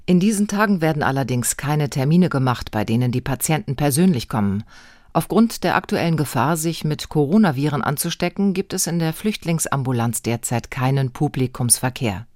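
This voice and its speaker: A woman reporter narrating a scripted radio feature in an even, clear voice. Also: low-pitched, fairly quick, no room sound, clean studio sound.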